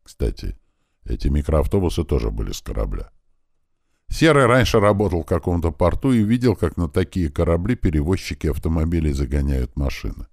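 A man narrating a first-person audiobook in a lively, conversational storytelling manner. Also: a bass voice, a little fast, gravelly, dry recording, clean studio sound.

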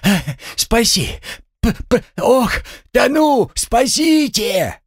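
A man's voice: medium pitch, huge pitch swings, a little slow, no echo, clean studio sound, voice pushed up. A man voicing a squabbling, boastful little male creature who squeals when angry, in a read-aloud story. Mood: panicked. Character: squabbling short male creature, cursemaker, boastful and hot-tempered.

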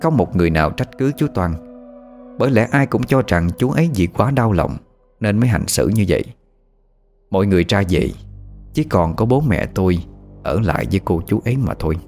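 Low-voiced male ghost-story narrator. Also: lively intonation, a little fast, darkish tone, soft background music.

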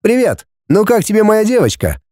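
A man's voice: high-pitched, wildly swooping pitch, moderate pace, dark tone, no room sound, clean studio sound, pitched above the performer's own voice. A man voicing a good-natured young man turned cruel blackmailer, purring one moment and cold the next. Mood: cheerful, sly. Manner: cheerfully menacing, purring then cold. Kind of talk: audiobook character voice.

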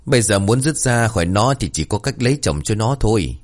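A man voicing a gruff, short-tempered old former village shaman who scolds and curses. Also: lowish voice, animated, brisk. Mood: instructing.

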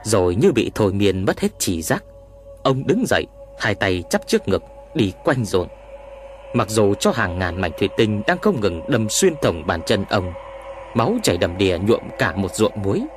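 A man narrating a horror story in a dramatic, expressive reading. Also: on the low side, normal speed, music in the background.

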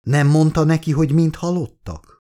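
A man's voice: a little high, mellow, pitched above the performer's own voice, natural voice. A man voicing a distraught, wounded woman scientist who talks in an urgent, disbelieving way.

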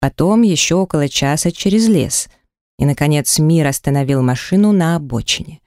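An audiobook narrator giving a measured, steady first-person studio reading. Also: mid-range voice, dry recording.

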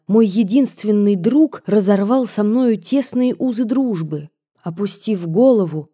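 A woman narrating a first-person story as an audiobook reader, calm and measured. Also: medium pitch. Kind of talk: scripted narration.

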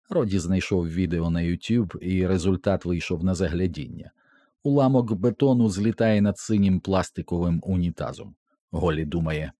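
A man narrating an audiobook with a tense, expressive dramatic reading. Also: deep voice, no room sound, clean studio sound.

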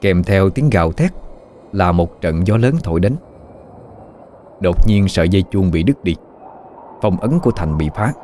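Low-voiced man narrating a ghost story. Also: lively intonation, moderate pace, pauses often, dark tone, a little hiss or hum. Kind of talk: scripted horror story narration. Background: faint music.

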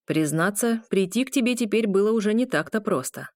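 A woman's voice: mid-range voice, animated, fairly quick, a little mellow, no echo, studio quality, close to an everyday voice. A woman voicing a boastful, sly male legate guard in an audiobook. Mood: smug.

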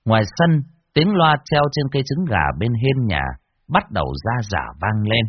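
A man narrating a scripted horror story with an expressive, varied delivery. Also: medium pitch, moderate pace, highs cut off, slight background noise.

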